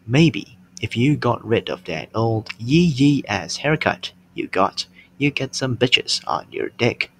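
A cocky young man tosses out insults in lazy, taunting slang, voiced by a man reading a story aloud. His voice sits at an everyday middle pitch, with a faint hiss behind it. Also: lively intonation, slow. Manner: casual, taunting street slang. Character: cocky young man, swaggering trash-talker.

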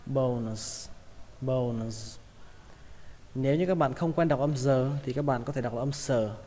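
A man teaching English pronunciation, repeating each word slowly in drills. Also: mid-range voice, mellow. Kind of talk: pronunciation lesson. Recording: long hall reverb.

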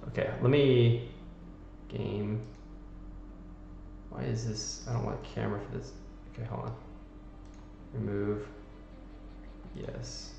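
A man's voice: fairly low pitch, steady tone, slow pace, creaky, long pauses. A man setting up a livestream who sounds like he is in a cave, chatting casually and muttering to himself while troubleshooting. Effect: cave echo. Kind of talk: casual chat while fiddling with stream settings. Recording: cavernous echoey dull lo-fi mic, faint background noise.

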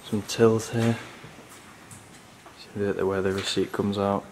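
A man giving casual, low-key commentary while walking through a large abandoned shopping centre, thinking aloud with pauses. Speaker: urban explorer. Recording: steady background noise.

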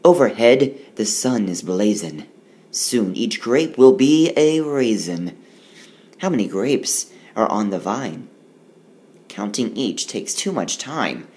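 A male teacher reads a rhyming picture book aloud and explains the math along the way, captured as a voice-over on a tablet screencast. His delivery is slow and sing-song, with a lively, rhyming pitch.

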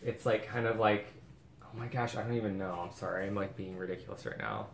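Chatty gushing guy, lowish voice, roomy echo. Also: fast talker, creaky. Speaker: vlogger. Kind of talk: casual unboxing chat. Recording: echoey room with faint background noise.

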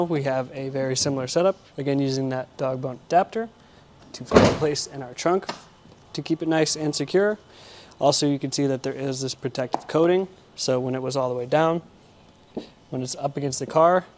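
Slight background noise accompanies a young man in his twenties whose medium-pitched voice sounds a little mellow. As presenter of a product installation demo, he casually explains each step of fitting a kayak carrier while working around a vehicle in an indoor garage.

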